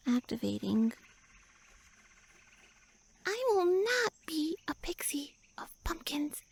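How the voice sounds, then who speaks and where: A woman plays a pouty tsundere elf who has been shrunk to pixie size in a roleplay audio, speaking to the listener in a high, fully characterized voice with vocal fry. She sounds haughty, flustered, halting, determined and pouty.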